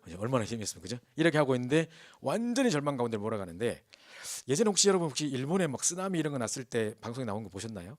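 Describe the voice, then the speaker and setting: A man preaches in a church, telling stories at a brisk pace. He keeps asking the listeners for agreement. His voice is close and dry, with almost no room sound. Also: mid-range voice, no room sound. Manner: animated storytelling, keeps asking the congregation for agreement. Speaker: pastor. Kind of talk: sermon.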